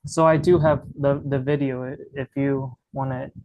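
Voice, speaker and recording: A man's voice: mid-range voice, flat delivery, normal speed, highs cut off. A man at a hackathon session asking a question, stammering and restarting often. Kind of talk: casual question.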